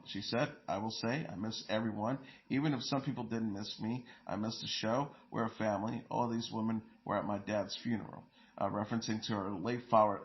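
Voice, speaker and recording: A man's voice: on the low side, dull audio. A man hosting an entertainment news show, reading stories and quotes in a plain delivery with small slips and fillers.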